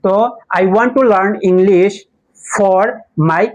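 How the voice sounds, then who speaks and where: A man's voice: high voice, steady tone, extremely slow, dull audio. A man with a Sylheti Bengali accent teaching English patiently. He asks questions and answers them himself, and spells words out letter by letter. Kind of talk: classroom-style lesson explanation.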